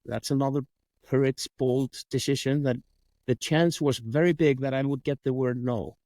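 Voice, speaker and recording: Icelandic man telling lively stories. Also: medium pitch, moderate pace, no echo. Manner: animated storyteller acting out dialogue. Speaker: guest, coach and sales trainer. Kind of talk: storytelling interview.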